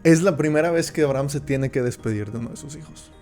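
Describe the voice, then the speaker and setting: A man's voice: a little high, fast talker, a little mellow, soft background music. A man teaching a Bible study. He reads verses aloud, then explains them and keeps checking in with his listeners.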